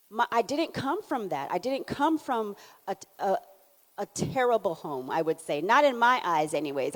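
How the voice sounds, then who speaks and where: A young adult woman from Canada with a Jamaican accent, giving a conference keynote and drawing in the audience with questions. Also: mid-range voice. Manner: animated, engaging the audience with questions and laughs. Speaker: keynote speaker. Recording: hall reverb.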